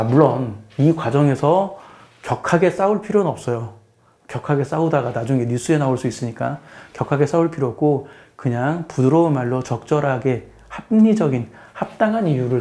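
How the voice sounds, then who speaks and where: A middle-aged man who teaches math gives a casual, plainly explanatory spoken lecture in a mid-range voice with a dark tone. He tends to repeat phrases and pose questions to his listeners.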